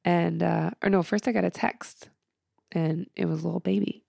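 A woman's voice: on the low side, steady tone, moderate pace, creaky, mellow, dry recording, clean studio sound. A woman guest on a podcast, reading from her journal and talking in an earnest, emotional way with many fillers.

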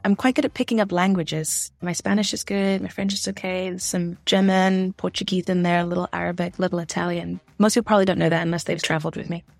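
A young adult woman answering podcast interview questions in a candid, chatty way with quick asides. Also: fairly low pitch, fairly even intonation, vocal fry, dry recording, soft background music. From grew up in the Philippines, the States and Tunisia. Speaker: guest, diversity and inclusion consultant.

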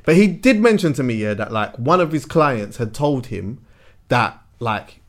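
A man's voice: mid-range voice, sing-song, normal speed. A man with a London roadman accent leads a loose, informal chat. His phrasing is street-style and full of slang, like a host talking with mates. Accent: London, urban roadman slang. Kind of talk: casual chat.

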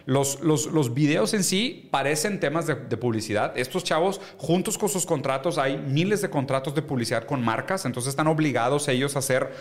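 A man's voice: on the high side, a little fast, few pauses. A young Mexican man with a Mexican Spanish accent, chatting casually and animatedly on a podcast, full of slang.

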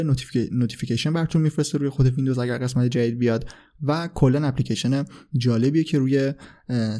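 This man's voice sits at a middle pitch and sounds mellow and warm. He hosts a podcast, explaining things loosely and off the cuff, with fillers and self-corrections along the way.

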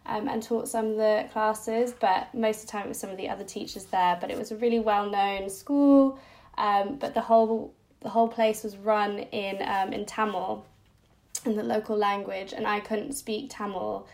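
A woman's voice: mid-range voice, steady tone, moderate pace, darkish tone. A woman, a podcast guest recalling her childhood in a reflective, hesitant way with many fillers. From Singapore-born, raised abroad. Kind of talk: personal storytelling interview.

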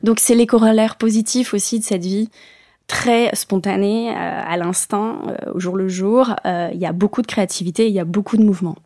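A middle-aged woman from France, born in Bayonne, speaks reflectively as an interview guest, hesitating often in a casual conversation. Her voice is medium-pitched and warm with fairly even intonation and a fairly quick pace, recorded at studio quality with no echo.

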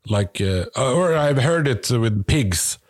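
A man in casual podcast chat, speaking in a hesitant, halting, understated way. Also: medium pitch, lively intonation, heavy background noise. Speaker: podcast co-host.

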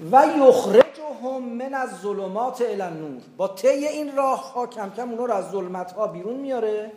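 A man's voice: sits high, darkish tone. Older male Quran teacher from Iran, explaining patiently with examples, in a reverberant hall. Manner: explanatory, uses everyday examples. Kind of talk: tafsir lecture. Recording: echoey room with faint background noise.

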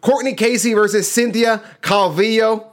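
A man with a somewhat high-pitched voice delivers casual sports commentary. He talks through his fight picks conversationally, leaning hard on key words and using plenty of slang. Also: fairly even intonation, normal speed. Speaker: sports show host.

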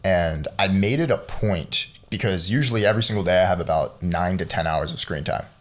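A man's voice: sits low, brisk. A man in his mid-twenties, a podcast guest chatting casually and rambling through stories with lots of "like". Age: 20s. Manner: rambling storyteller, lots of fillers like "like". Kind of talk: casual chat.

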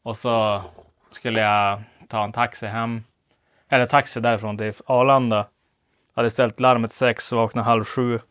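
A man in his thirties telling a long anecdote in a rambling, profane, animated way on a wireless studio mic. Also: mid-range voice, smooth, no room sound. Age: 30s. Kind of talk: casual storytelling.

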